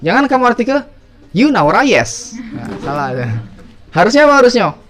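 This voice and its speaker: A male teacher speaks in a high voice during a home class review lesson. His delivery is playful and lively, and he keeps calling on students by name and questioning them. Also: brisk. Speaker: English teacher.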